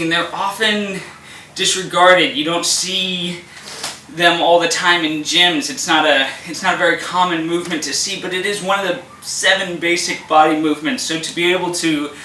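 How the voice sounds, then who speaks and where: Fitness instructor, man, bright edgy voice, straining mid-exercise, recorded off-mic in an echoey room. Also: a little high, recorded from a distance, slight background noise. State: effortful, straining. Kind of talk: exercise demonstration.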